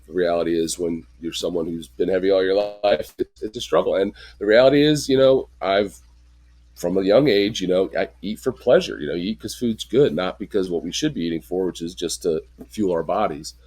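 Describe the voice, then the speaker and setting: A man's voice: low-pitched, darkish tone. A man in his forties with a congested, chest-cold voice, speaking earnestly and candidly in a personal confessional vlog. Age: 40s. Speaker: vlogger.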